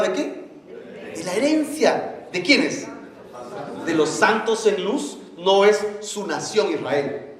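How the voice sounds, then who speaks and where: A man preaching a sermon as pastor, animated and often asking the congregation questions. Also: high-pitched. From Peru. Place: church hall. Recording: very echoey church hall, faint noise.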